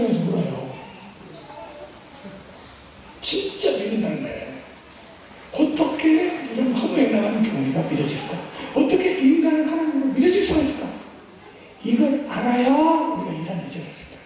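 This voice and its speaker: A man's voice: extremely high pitch, warm tone. A man preaching as a pastor at a church seminar. He acts out little exchanges and drills the congregation with call-and-response practice. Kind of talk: sermon seminar. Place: church sanctuary. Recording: echoey church hall, voice far from mic, faint noise.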